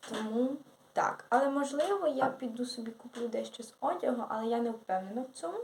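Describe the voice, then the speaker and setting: A woman's voice: on the high side, expressive, a little fast, gravelly, a little mellow, a little hiss or hum. Rambling teen girl vlogger in an echoey room. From Ukraine. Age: teenager. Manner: rambling, with self-corrections and hesitations. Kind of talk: casual vlog chat.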